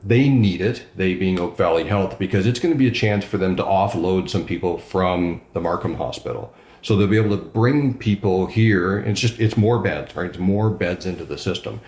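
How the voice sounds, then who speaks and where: In an echoey room, a man who serves as a regional councillor responds to an interviewer at normal speed, his voice sitting low. He is enthusiastic and emphatic, and calls himself loud-voiced.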